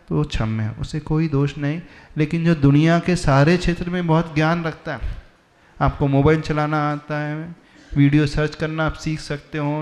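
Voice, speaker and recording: A man's voice: on the high side, darkish tone. A man, a monk, giving a sermon and teaching with emphatic rhetorical questions. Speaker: Jain monk preacher.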